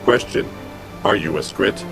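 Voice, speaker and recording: An actor voicing an officious, suspicious machine sentry in a video game, clipped, formal and deadpan. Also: male voice, low-pitched, measured pace, gravelly, over music, heavily acted. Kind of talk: video game character dialogue.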